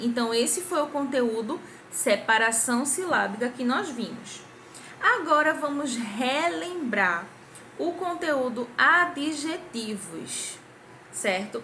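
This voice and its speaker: In a bright, forceful voice on the high side, a young woman with a Brazilian Portuguese accent teaches a patient grammar review to primary children. She asks the class questions and claps syllables, and a little hiss or hum is audible.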